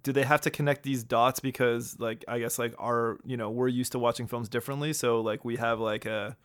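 A man joining a podcast as a guest, his voice at an ordinary middle pitch. He hedges and circles around his points, filling the gaps with fillers as he thinks aloud. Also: fairly even intonation, a little fast. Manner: hesitant, many fillers. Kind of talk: casual chat about a movie.

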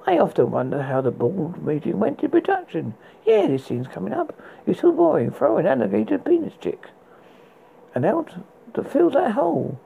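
A performer playing a spooky horror host, reading recommendations in a husky, gravelly voice with a halting, stumbling delivery. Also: medium pitch, wildly swooping pitch, mellow, exaggerated voice, rough recording. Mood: playfully macabre. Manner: halting read with stumbles and repeated words. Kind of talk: scripted horror book and film recommendations read as a horror host.

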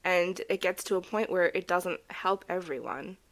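A woman's voice: on the low side, moderate pace, a bit bright. A woman co-hosting a podcast in casual chat, chatty and self-deprecating. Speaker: podcast co-host.

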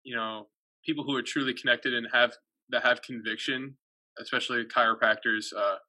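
A man co-hosting a podcast, speaking in an appreciative, halting way with many fillers. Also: mid-range voice, fairly even intonation, sharp tone. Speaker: podcast co-host. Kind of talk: podcast conversation.

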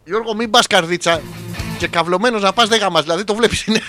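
A man's voice: high-pitched, bright, forceful tone, soft background music. A man in his forties hosting a comedic radio show, rambling crudely through listener messages with sudden outbursts. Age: 40s. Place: radio studio.

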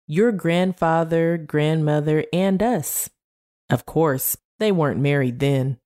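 A woman's voice: low-pitched, takes it slowly, dark tone. A woman voicing a chatty older woman from a council of old travelers, with her voice raised above her own.

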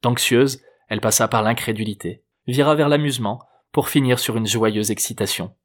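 A man narrating a novel chapter in a measured, even storytelling manner. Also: medium pitch. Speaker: audiobook narrator. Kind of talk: scripted narration.

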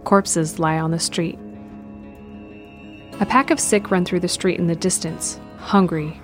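Faint music accompanies a scripted audio drama narrated by a woman whose voice is fairly low. Her intonation stays fairly even, and she reads in a measured, descriptive manner.

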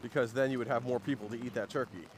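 A man's voice: mid-range voice, steady tone, rapid-fire, slight background noise. Joking, sarcastic man in casual chat. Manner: sarcastic, joking, many fillers. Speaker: podcast host.

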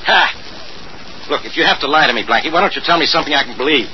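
High-pitched, badgering police inspector played by a man. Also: expressive, quick pace, lightly acted. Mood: sarcastic. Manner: badgering, sarcastic. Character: gruff, sarcastic, suspicious male police inspector. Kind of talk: 1940s radio crime drama acting. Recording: dull, noisy old radio recording.

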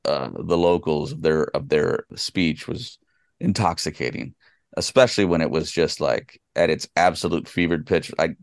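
A man's voice: very deep voice, moderate pace, gravelly, no room sound, studio quality. A man co-hosting a podcast, talking in a loose, rambling way with lots of fillers and restarts. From California. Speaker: podcast co-host. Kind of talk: casual chat.

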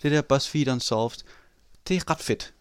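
A man in casual chat telling a personal story in an animated way, swearing casually. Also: medium pitch, smooth, no room sound.

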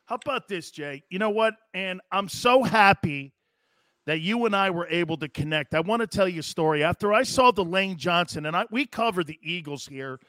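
A sports talk radio host with a high male voice sounds bright and forceful, speaking emphatically and expressively at a moderate pace. He reads listener messages and chats with a guest, recorded close and dry in a studio.

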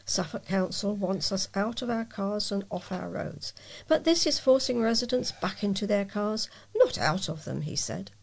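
A woman reading local news stories aloud in a plain, even delivery as a volunteer reader. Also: medium pitch, moderate pace, creaky.

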